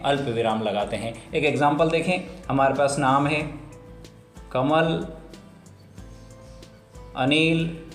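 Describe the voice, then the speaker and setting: A man teaching a grammar lesson, explaining slowly and repeating phrases for emphasis. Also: a little high. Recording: roomy echo with faint music.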